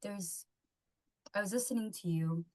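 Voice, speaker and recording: A woman's voice: mid-range voice, normal speed, darkish tone. A woman from Somalia hosting an interview, asking questions in a rambling, searching way, full of "like" and "you know". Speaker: podcast host. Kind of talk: conversational interview.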